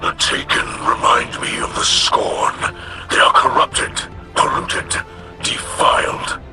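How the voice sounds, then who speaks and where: In scripted video game voice acting, a man plays a grave, proud alien warrior-noble of a fallen house, speaking formally and solemnly with measured diction. His natural voice carries a breathy, hoarse rasp, and game music plays behind it.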